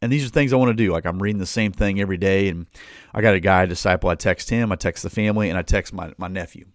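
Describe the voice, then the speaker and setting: A man's voice: deep voice, fast, no echo. Man teaching the Bible conversationally, dry sound. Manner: conversational, repeats phrases, acts out quoted dialogue. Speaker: podcast host teaching the Bible.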